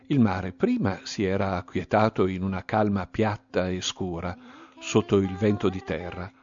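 A man reading a first-person story aloud in a measured, tender way, with quiet emotion. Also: low-pitched, dull audio. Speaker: narrator. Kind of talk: scripted audiobook narration.

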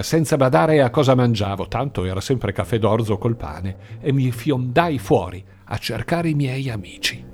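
Man narrating a story over guitar. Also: mid-range voice. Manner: steady, storytelling, first person. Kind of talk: audiobook narration. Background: soft guitar music.

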